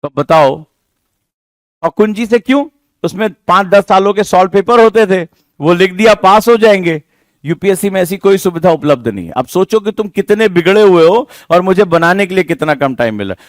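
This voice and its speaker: Emphatic high-voiced male lecturer. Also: animated, normal speed, dry recording. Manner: emphatic, rhetorical, scolding-but-jokey teacher talk. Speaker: exam coaching teacher. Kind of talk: classroom lecture to students. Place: classroom with students.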